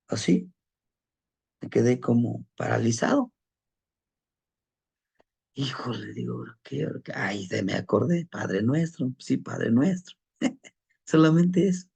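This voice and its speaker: A man's voice: mid-range voice, very animated, takes it slowly, vocal fry, pauses often, a little mellow, slightly rough. A man telling a personal anecdote in a casual, conversational way, often adding tag questions and repeating words as he searches for them. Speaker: storyteller of spirit lore.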